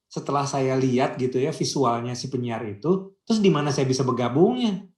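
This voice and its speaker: A man of middle pitch talks in a relaxed, chatty way, building his points with anecdotes and rhetorical questions. His voice comes through a video call with a noticeably roomy, echoey sound. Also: fairly quick. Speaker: radio industry guest speaker. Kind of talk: casual conversational discussion.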